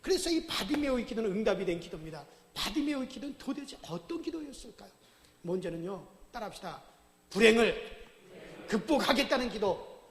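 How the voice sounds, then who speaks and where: A man's voice: high voice, sing-song, a little fast. A male pastor preaching a sermon with dramatic, emphatic storytelling. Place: church sanctuary. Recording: echoey church hall reverb.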